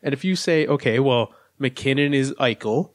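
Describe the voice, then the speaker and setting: A man's voice: medium pitch, normal speed, no room sound, studio quality. A man co-hosting a casual sports podcast, laying out his arguments step by step. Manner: analytical, lays out arguments step by step. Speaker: podcast co-host.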